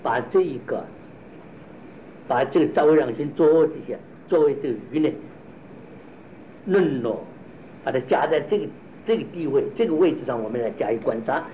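A Buddhist philosophy teacher delivers a doctrinal lecture, speaking haltingly, restarting phrases and posing rhetorical questions to his listeners. His voice is somewhat high for a man, with lively intonation. The audio is dull and lo-fi, with faint hiss underneath.

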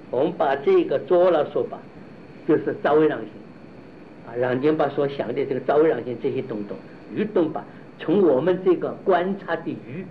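A man gives a Buddhist doctrinal lecture, talking in a halting way, restarting phrases and asking his listeners rhetorical questions. His voice sits somewhat high for a man. The recording sounds dull and lo-fi, with a faint hiss of noise underneath. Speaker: Buddhist philosophy teacher.

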